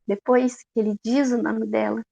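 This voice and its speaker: A woman with a Brazilian Portuguese accent giving a conversational Easter sermon, expressive and talking straight to the congregation. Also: on the high side, normal speed, gravelly, slightly rough. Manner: expressive, talks straight to the congregation, laughs often. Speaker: preacher.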